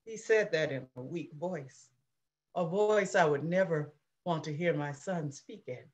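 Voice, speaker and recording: A woman reading the part of an anxious mother recounting wartime, in an earnest, measured dramatic reading over a video call. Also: sits low, darkish tone, highs cut off, lightly acted. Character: anxious middle-aged mother recounting war. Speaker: reader in a play reading.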